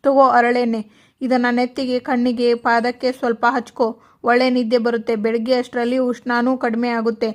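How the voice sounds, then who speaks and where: A woman voicing a calm, caring older man in a serial recap. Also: fairly high pitch, normal speed, natural voice. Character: kind older man, head of the house.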